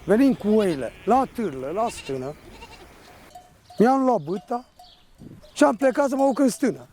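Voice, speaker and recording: A man working as a shepherd, telling a personal story in a rough, rambling, vivid way. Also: high voice, very animated, warm tone, slight background noise.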